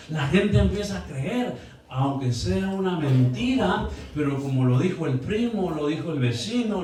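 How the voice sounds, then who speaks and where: High-voiced pastor preaching in an echoey church. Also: male voice. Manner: preaching with repeated rhetorical questions, calls for applause. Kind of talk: sermon. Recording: echoey church room from a distance.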